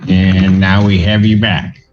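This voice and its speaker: A man presiding as judge, heard on a courtroom recording, speaking in a stern, slow and deliberate way. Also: sits low, flat delivery, muffled recording. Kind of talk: courtroom proceedings.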